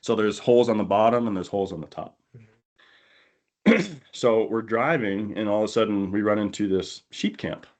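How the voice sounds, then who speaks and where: Animated man telling a hunting story. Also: lowish voice, moderate pace. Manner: animated, laughs often, acts out quotes. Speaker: podcast host. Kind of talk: casual storytelling on a hunting podcast.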